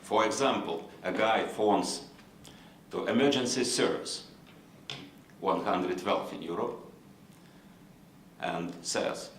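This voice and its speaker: A man with a low voice and a Lithuanian accent moderates a conference panel, speaking formal but halting English and pausing often on fillers. The space sounds roomy, with a faint hiss beneath.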